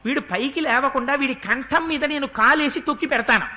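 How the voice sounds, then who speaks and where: A man voicing a calm prince who gives steady orders to his brother during a religious discourse. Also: extremely high pitch, fairly quick, heavily acted. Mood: calm command.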